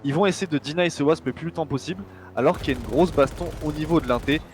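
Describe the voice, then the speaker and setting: Calling a match live, a fast-talking man with a fairly high voice works as an esports caster, loose and chatty and prone to repeating himself. Faint music plays in the background along with distant gunfire and game sounds.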